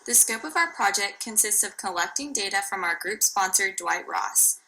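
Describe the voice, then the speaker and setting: A woman's voice: medium pitch, animated, normal speed, sharp tone, rough recording. A young woman from Texas, a student reading a formal class presentation, with the odd restart.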